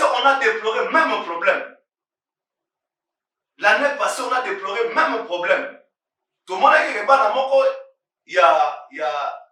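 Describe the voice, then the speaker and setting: A high-voiced man with a bright, ringing tone preaches. He repeats himself for emphasis and climbs into shouts. His voice is picked up from a distance in a heavily echoing room. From Congo. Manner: emphatic and repetitive, rising into shouts. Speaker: pastor. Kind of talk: impassioned sermon on current events. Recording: very echoey room, voice far from mic.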